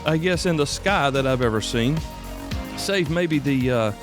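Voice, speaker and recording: Over background music, this South Carolina man hosts his podcast alone, speaking at a measured pace in a mid-range voice with lively intonation. The close-miked delivery is relaxed and homespun, wandering off into frequent tangents.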